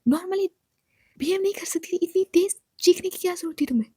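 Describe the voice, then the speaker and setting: A storyteller putting on a young woman boss, stern and then remorseful, speaking in a hushed, pleading way in an audio love story. The voice sits slightly lower than usual and is high overall, with a mellow, dark tone. The sound is dry and close. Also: moderate pace, no room sound, natural voice. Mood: scolding.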